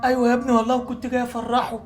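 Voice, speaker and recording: A man's voice: extremely high pitch, completely flat delivery, rapid-fire. An actor playing a poor, humble Egyptian father who collects old clothes, speaking meekly and apologetically, with music playing behind. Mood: tearful. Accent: Egyptian Arabic. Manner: meek, pleading, apologetic. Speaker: father of Mahmoud.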